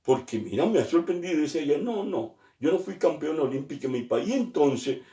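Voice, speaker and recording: Animated joke-telling man. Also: a little high, brisk, reverberant, recorded from a distance. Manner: animated, laughs at his own jokes, acts out characters. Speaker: comedian telling jokes.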